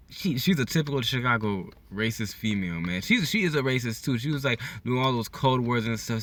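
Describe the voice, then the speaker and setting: A young man from California ranting in a casual opinion vlog, animated and repetitive, full of slang, often checking in with "okay?". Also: medium pitch. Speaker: YouTuber vlogging his opinion.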